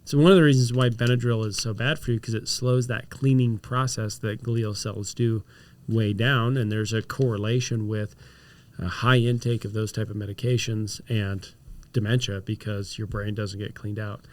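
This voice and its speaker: A man's voice: fairly low pitch, moderate pace. A man, a chiropractor, chatting casually on a health podcast, explaining remedies and telling stories. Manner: storytelling, mixes explanation with animated reenacted quotes.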